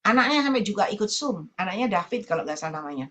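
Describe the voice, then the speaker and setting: A woman's voice: mid-range voice, sing-song, quick pace, a bit bright, a little hiss or hum. A woman evangelist preaching a sermon to an online meeting, colloquial and repetitive, stressing points by saying them again.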